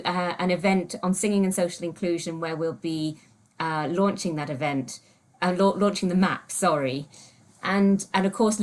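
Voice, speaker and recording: A woman giving an online conference presentation, speaking in an enthusiastic, explanatory way. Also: lowish voice. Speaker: university lecturer and researcher presenting. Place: remote, speaking on a video call.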